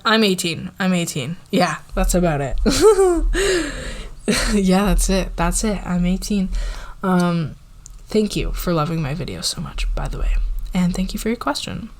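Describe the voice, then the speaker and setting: A young woman of eighteen answers viewer questions in a soft, relaxed, casual way. Her voice sits a little on the low side. She often says "like" and sometimes drops to a whisper. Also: measured pace. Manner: soft-spoken, relaxed, many "like" fillers, drifts into whispers. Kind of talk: casual Q&A chat.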